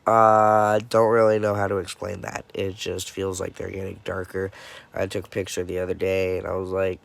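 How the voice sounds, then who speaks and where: A young male vlogger gives a casual personal update while stuffy and congested from a cold and dead tired. He speaks haltingly with many pauses and fillers, in a deep voice with vocal fry and a completely flat delivery.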